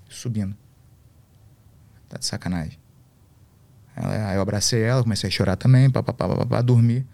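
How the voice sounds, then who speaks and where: Brief: man, podcast guest, animated storyteller, dry close sound. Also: lowish voice, creaky, dry recording. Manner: slangy, animated storytelling full of swearing. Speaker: podcast guest, MMA coach. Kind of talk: casual storytelling.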